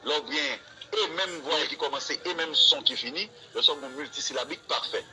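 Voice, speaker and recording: A man's voice: a little high, moderate pace, sharp tone, faint music behind, rough recording. A man with a Haitian accent teaching rap wordplay on a live stream, explaining with examples and dropping fillers like "yo".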